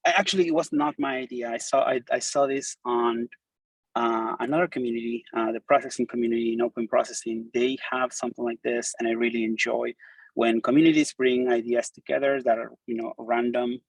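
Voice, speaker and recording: In a rough, dry recording, a gravelly, mid-range male voice delivers a live meetup talk with a demo. He's a middle-aged native Spanish speaker from Argentina with an Argentine Spanish accent, enthusiastic and casual, with lots of fillers and restarts.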